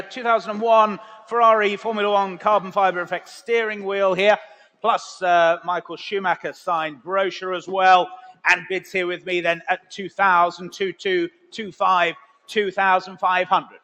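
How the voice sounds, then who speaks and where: A man's voice: sits high, flat delivery, normal speed, bright, forceful tone. A man working as an auctioneer, calling bids in a repetitive chant. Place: large auction sale room. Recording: long echoing hall reverb.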